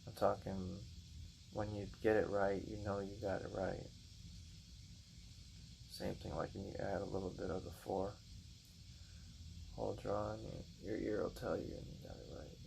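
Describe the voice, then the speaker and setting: Low gravelly man teaching blues guitar. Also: little pitch movement, normal speed, pauses often, darkish tone, slight background noise. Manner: rambling, repeats words, self-correcting. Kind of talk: casual guitar lesson. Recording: guitar music behind voice. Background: acoustic guitar playing.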